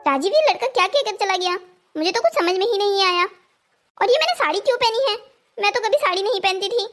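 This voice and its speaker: A woman's voice: very high-pitched, expressive, brisk, a bit bright, faint music behind. A woman voicing a confused, indignant twenty-one-year-old woman in a cartoon story. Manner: indignant, bewildered. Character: young woman of 21, confused and stubborn.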